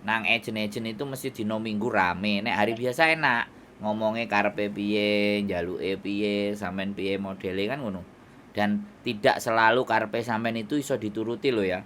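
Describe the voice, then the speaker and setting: This advisor to migrant workers, a Javanese-accented man, lectures firmly by phone and asks whether he's being understood. His pitch is fairly low and his intonation fairly even; he talks at normal speed with a fairly bright tone against slight background noise.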